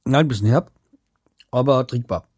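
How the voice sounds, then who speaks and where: With a mid-range, slightly mellow voice carrying a breathy edge, he speaks at normal speed. This vlogger from near Hanau chats casually to his viewers at home, rambling, breaking off, and restarting with many fillers, all in a dry, clean studio recording.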